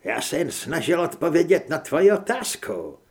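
A man's voice: fairly high pitch, big pitch swings. A man voicing a tough male monster hunter who answers with curt, dry replies. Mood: defiant.

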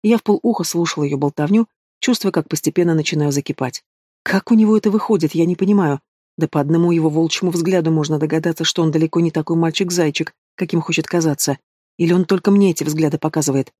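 Fairly high-voiced male storyteller. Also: fast, a little mellow, dry recording, studio quality. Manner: reads a woman's first-person story evenly. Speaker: audiobook narrator. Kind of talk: scripted first-person narration.

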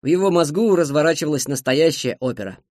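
A male narrator reads the story in a lively, expressive voice. His pitch sits slightly high and moves a great deal. The recording is dry and close, with no room sound. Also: fast talker, no room sound. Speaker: audiobook narrator. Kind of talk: scripted narration.

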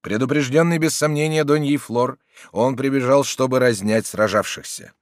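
A man narrating an adventure novel as an audiobook, reading in an expressive, dramatic way. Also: mid-range voice, normal speed, dry recording, studio quality. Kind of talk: scripted narration.

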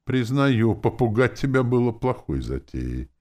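A man voicing an arrogant young female elf princess with a shrill, indignant manner in an audiobook. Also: big pitch swings, a little slow, a little mellow. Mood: prickly. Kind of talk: audiobook character voice.

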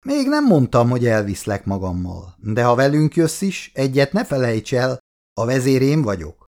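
A man's voice: medium pitch, sing-song, darkish tone. A man voicing a domineering teenage boy who leads a runaway gang, giving commands. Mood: commanding.

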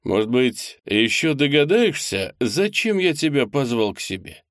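A man voicing a confident male boss in an audiobook, giving brisk, assured orders. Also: medium pitch, very animated, fairly bright tone, no echo, clean studio sound, voice pushed up. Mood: commanding. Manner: assured, directive. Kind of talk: audiobook character voice.

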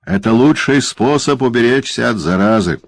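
A man's voice: mid-range voice, lively intonation, normal speed, dry recording, voice pushed up, close to an everyday voice. A man putting on a cruel snarling dwarf. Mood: gloating. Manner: snarling and barking orders. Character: cruel, gleeful male dwarf tormentor. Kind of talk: audiobook character voice.

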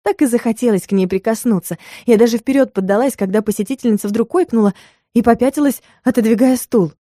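A woman narrating a first-person audiobook in a lively storytelling manner. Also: on the high side, fast, no echo, clean studio sound.

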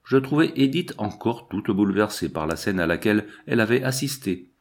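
A man reading a novel aloud in a measured, storytelling way. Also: lowish voice, expressive. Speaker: audiobook narrator. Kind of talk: scripted narration.

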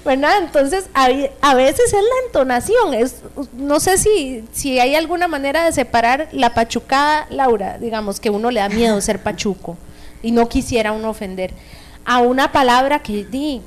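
A woman's voice: sits high, animated, moderate pace. A Costa Rican woman hosting a radio talk show, chatty and playful, acting out sayings with exaggerated tone. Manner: playful, acts out phrases with exaggerated tone. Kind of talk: casual radio chat.

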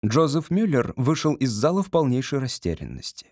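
Lively man reading a comic story. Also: mid-range voice, a little fast, no echo, clean studio sound. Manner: lively, animated reading with raised voices for characters. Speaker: audiobook narrator.

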